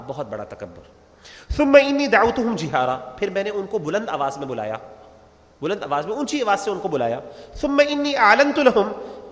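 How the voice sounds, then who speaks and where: Guy doing verse by verse scripture class, sings each verse then explains it, fairly high voice, lots of hall reverb. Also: fairly bright tone. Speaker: Quran teacher. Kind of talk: verse-by-verse recitation and translation.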